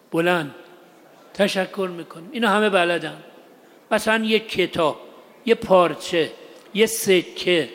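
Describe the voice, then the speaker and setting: A man giving an explanatory religious lesson in short, paused phrases. He asks his listeners rhetorical questions and recites Arabic phrases slowly. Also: high voice, fairly bright tone. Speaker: religious teacher. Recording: long hall reverb.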